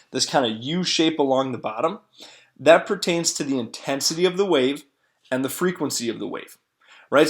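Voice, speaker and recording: Man lecturing, tagging lines with "right?". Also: on the high side. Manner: explanatory, keeps checking in with a questioning "right?"; repeats words while searching for them. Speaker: teacher. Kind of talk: classroom lecture.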